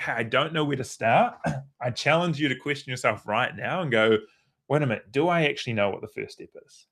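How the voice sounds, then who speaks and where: A man coaching a live online workshop while seated at his desk. He speaks in a relaxed, conversational way and slips into quoted inner voices as he explains. His pitch sits in an ordinary middle range. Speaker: performance coach.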